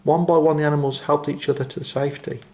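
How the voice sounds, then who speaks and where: A man reading a children's story aloud in a gentle, expressive way, slowing down for dramatic phrases. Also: on the high side.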